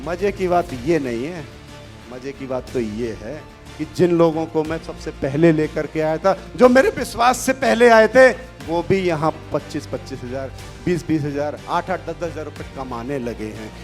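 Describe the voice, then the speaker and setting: A middle-aged man, giving a fervent stage motivational speech that swings between quiet intimate passages and loud shouts. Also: a little high, lively intonation, moderate pace, soft background music. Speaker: motivational speaker.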